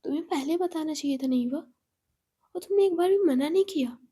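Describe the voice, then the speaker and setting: A woman's voice: on the high side, steady tone, normal speed, dark tone, breathy edge. A woman voicing a protective, worried young woman who speaks in an earnest, pleading way.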